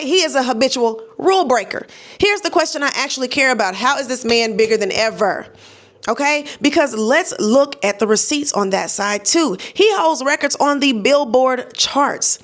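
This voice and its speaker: An American woman delivering opinionated exposé commentary straight to her audience, emphatic and colloquial, with sardonic asides and frequent check-in tags. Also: on the high side. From United States. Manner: emphatic and direct, often punctuating points with "okay?".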